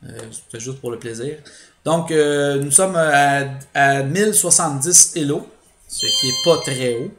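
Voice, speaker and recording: A man's voice: on the high side, measured pace, a bit bright, echoey room, slight background noise. A man with a Quebec French accent doing let's play commentary, thinking aloud with hesitations and explaining his strategy to viewers. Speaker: gaming channel host.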